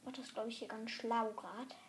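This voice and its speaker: A woman commenting live on her online game in German, excitable and swearing, often dropping to a whisper. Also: on the high side, normal speed, slight background noise. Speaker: gamer.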